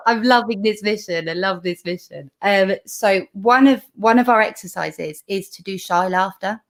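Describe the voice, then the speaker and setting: A laughter yoga leader chats casually over a video call, her voice medium in pitch and her pace normal. Bubbly and encouraging, she leads laughter exercises and often breaks into laughter while explaining.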